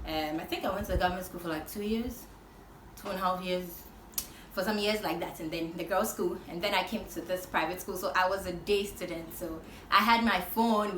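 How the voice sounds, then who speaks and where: A young woman tells a personal story in casual, animated vlog chat, acting out what people said. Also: mid-range voice. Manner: animated storytelling with acted-out quotes. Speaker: vlogger on a sibling channel. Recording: roomy echo, faint background noise.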